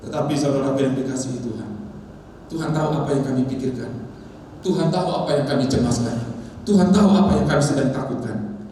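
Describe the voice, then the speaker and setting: A middle-aged man preaching a sermon as pastor, telling a story with animated swings between loud and soft. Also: mid-range voice, fast, a little hiss or hum. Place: church hall. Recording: echoey hall, from far off.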